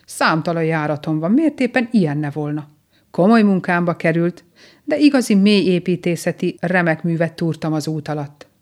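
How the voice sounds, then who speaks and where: A woman voicing a grumpy, proud old male mole in a storybook reading, loud and easily offended, with a ringing, brassy voice. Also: fairly low pitch, lively intonation, lightly acted. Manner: loud, touchy and boastful.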